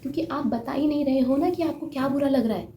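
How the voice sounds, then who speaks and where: A woman's voice: sits high, fast, mellow, a little hiss or hum. Earnest woman coaching in an echoey room. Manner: earnest, repetitive, asks the viewer questions. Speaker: relationship coach. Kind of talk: direct-to-camera advice talk.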